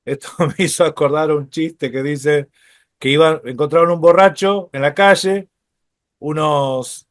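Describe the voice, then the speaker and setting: A man teaching a Bible study lecture, explaining step by step, often checking in with his listeners and pausing on fillers. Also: on the high side, fairly even intonation, dry recording.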